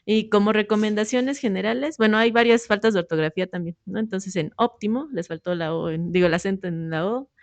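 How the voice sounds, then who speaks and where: A mid-pitched woman explains corrections to students. She talks in a steady way and keeps checking in with tag questions. Her voice is recorded dry and close. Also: a little fast, few pauses, dry recording. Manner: explanatory, repeats tag questions, many fillers. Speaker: professor giving feedback. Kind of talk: classroom feedback on a student presentation.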